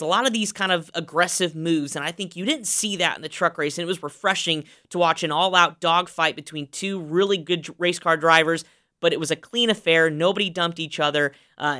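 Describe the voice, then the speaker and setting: Casting: upbeat male podcast co-host, bright and crisp, emphatic racing recap. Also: fairly high pitch. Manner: upbeat, emphatic, many fillers.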